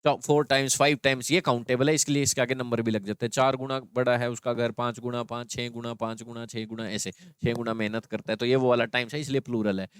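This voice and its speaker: Guy teaching english grammar, smooth fairly high voice, dry close sound, keeps asking the class questions. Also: steady tone, brisk, few pauses, no echo. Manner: explains patiently, asks students questions.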